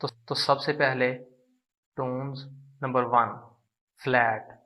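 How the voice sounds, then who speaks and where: A man teaching a lesson at an unhurried pace, patiently drawing out and repeating each syllable. His delivery stays level, with little rise and fall, and the recording sounds slightly dull and lo-fi. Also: medium pitch, steady tone. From Pakistan. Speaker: language teacher. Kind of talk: slow explanatory lesson.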